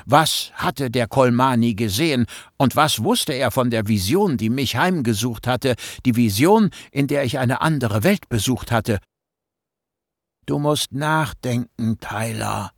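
A man narrating an audiobook in a measured storytelling manner, close to the mic. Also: medium pitch, expressive, dry recording. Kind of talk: scripted narration.

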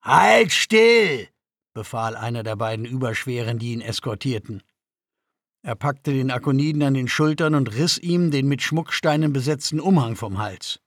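A man narrating an audiobook in a steady, even storytelling manner. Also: medium pitch, normal speed, dry recording, clean studio sound.

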